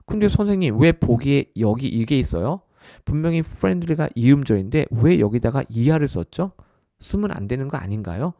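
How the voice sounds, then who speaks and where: A man's voice: medium pitch, sing-song, moderate pace, dark tone, no echo, clean studio sound. A man voicing a puzzled student who questions his teacher, in a lightly acted aside within a recorded lesson. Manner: questioning, doubtful.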